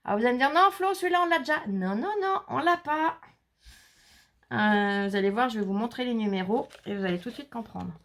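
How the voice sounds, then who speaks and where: A woman shows off a scrapbooking haul in a casual video, reading out color names and numbers and joking about herself. Her voice is a little high, animated and brisk, fairly bright, and she's indoors with the shutters closed against the heat.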